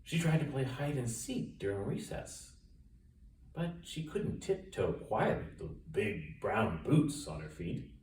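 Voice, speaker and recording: A man, the author, reads his own children's storybook aloud with very lively, dramatic emphasis and sound-effect words. His pitch is medium and his pace a little slow. The distant mic picks up roomy echo and faint noise.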